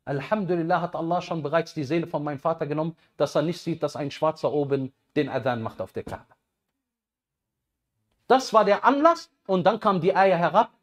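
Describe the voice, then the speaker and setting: A man in his thirties giving a lively sermon on a headset mic, swinging between loud bursts and quiet asides. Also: fairly high pitch. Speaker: preacher.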